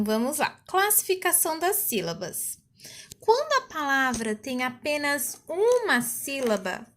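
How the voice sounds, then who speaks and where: Patient Brazilian woman teacher, high voice. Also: a bit bright. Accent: Brazilian Portuguese. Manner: slow, patient, sounds words out syllable by syllable. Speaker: primary school teacher. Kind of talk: recorded remote class for children.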